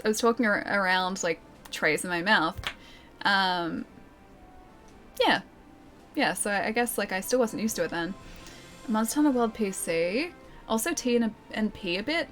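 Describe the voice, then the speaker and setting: Female game streamer, medium pitch, casual viewer chat, slightly careful speech from wearing a retainer, music underneath. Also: fairly bright tone. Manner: talking with retainer trays in, slightly careful articulation. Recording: music playing behind the voice. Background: background music.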